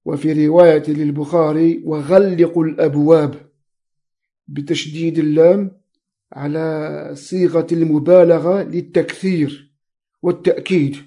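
A man teaching a religious text, reading commentary slowly and spelling out letters and variant readings. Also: on the high side, little pitch movement, warm tone.

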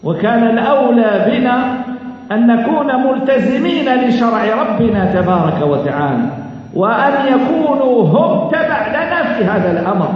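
A man preaching a sermon in an Algerian Arabic accent, earnest and emphatic, stretching out key phrases and repeating them. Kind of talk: mosque sermon. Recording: echoey hall, dull low-fi sound.

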